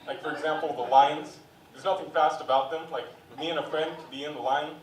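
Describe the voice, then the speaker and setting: A man's voice: fairly high pitch, fairly even intonation, fairly quick, slight background noise. A young man performing a stand-up set on a comedy club stage, telling stories in a chatty way and acting out the people in them. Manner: chatty storytelling with acted quotes. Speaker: stand-up comic. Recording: roomy club sound from a distance.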